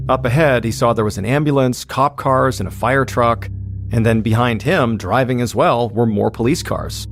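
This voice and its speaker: A man hosting a podcast, telling a true-crime story in measured, suspenseful scripted narration. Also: medium pitch. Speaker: podcast host.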